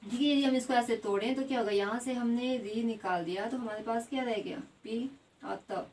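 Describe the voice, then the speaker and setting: Woman, teacher, classroom lesson, repeats words slowly, a bit far from the mic. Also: a little high, a little mellow. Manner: asks the class questions and answers them herself, repeats words slowly; adds a tag question after most points. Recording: slightly distant mic with faint background noise.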